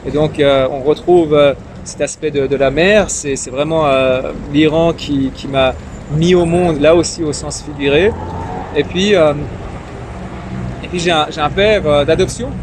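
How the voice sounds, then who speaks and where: Over loud street and traffic noise, a shy young Iranian politician whose first language is Farsi answers questions in a relaxed interview. He talks a little slowly in a slightly high voice, stumbling through fillers and repeating words.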